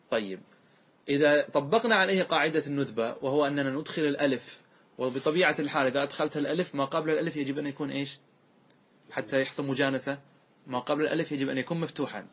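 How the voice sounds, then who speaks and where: This sheikh's voice sits fairly high, a little bright with a breathy edge, as he teaches classical grammar. His explanations move step by step, he often pauses to confirm the listeners follow, and recited example words come out slow and drawn out.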